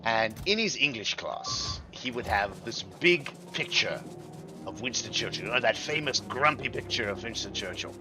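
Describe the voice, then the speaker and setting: A man streaming a video game, chatting casually in a playful, theatrical, mock-gentlemanly way. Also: mid-range voice, lively intonation, moderate pace, music in the background. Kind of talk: casual gaming commentary.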